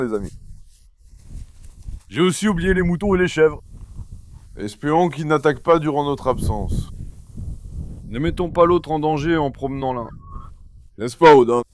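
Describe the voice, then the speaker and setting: A man's voice: a little high, a little hiss or hum. A man talking casually to camera while handling his dogs on a farm, coaxing and calling them. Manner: coaxing, calls dogs repeatedly. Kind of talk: casual vlog talk to camera. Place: outdoors on a farm with animals.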